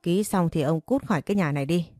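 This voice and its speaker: Woman playing a shrill, wailing middle-aged mother. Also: quick pace, mellow, dry recording, studio quality, faint music behind, lightly acted. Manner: shrill scolding, cursing.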